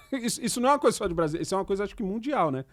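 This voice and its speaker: Paulista host, male, fast and casual, slangy, slightly high voice, dry sound. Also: animated, dry recording. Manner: laid-back, slangy, curious. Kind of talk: casual interview chat.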